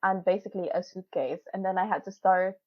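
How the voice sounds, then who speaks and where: A brisk, mid-range voice with fairly even intonation belongs to a woman in her twenties, a non-native English speaker interviewed as a PhD student. She is talkative and laughs frequently, scattering fillers and restarts throughout the casual video call. The audio is dull and dry, with no room sound.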